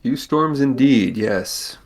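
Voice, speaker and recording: A man's voice: medium pitch, slow pace, close to an everyday voice. A man playing a courteous, probing adventurer in a tabletop game, speaking hesitantly and formally and repeating himself. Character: courteous, probing male adventurer making small talk.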